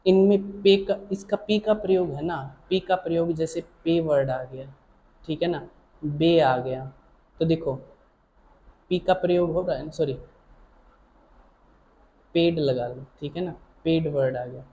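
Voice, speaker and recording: A man's voice: fairly high pitch, fairly even intonation, unhurried, long pauses, mellow, muffled recording, slight background noise. A man teaching a shorthand lesson. He explains patiently, repeats himself, keeps checking that students follow, and calls them child or dear. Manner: patient, repetitive, checks in with "theek hai na".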